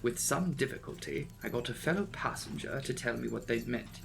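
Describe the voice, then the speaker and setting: In a creaky, medium-pitched voice, a man performs a classic novel as a dramatic audiobook. He delivers it with formal, theatrical, carefully measured phrasing.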